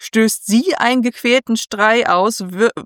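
A woman with a somewhat high voice chats with her co-host, retelling a story and slipping into the characters' lines. The sound is close and dry, with no room around it. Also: measured pace, clear, resonant tone, no room sound. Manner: retells scenes with lively quoted voices. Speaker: podcast co-host. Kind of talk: casual book discussion with acted quotes.

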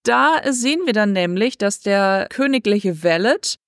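A woman casually retelling the scenes of a drama series in an animated way, quoting what the characters say. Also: mid-range voice, moderate pace, no room sound, studio quality. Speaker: podcast co-host recapping a drama series. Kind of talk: casual chat.

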